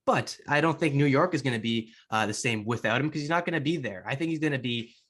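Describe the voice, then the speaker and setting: Young guy on a sports podcast, talks quick, chatty, kinda rambles. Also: mid-range voice, a bit bright. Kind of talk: casual sports chat.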